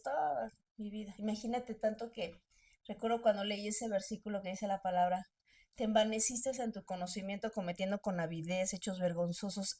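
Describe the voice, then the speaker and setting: A woman's voice: mid-range voice, darkish tone. A woman, a missionary guest, telling her personal faith testimony in an earnest storytelling way, acting out remembered voices.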